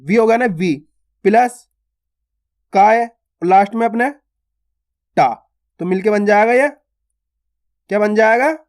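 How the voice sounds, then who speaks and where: A man's voice: sits high, a little mellow. Man patiently teaching syllable by syllable. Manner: slow, repetitive, spells words out syllable by syllable; encouraging, reassuring asides. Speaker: Hindi reading teacher. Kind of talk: classroom-style online lesson.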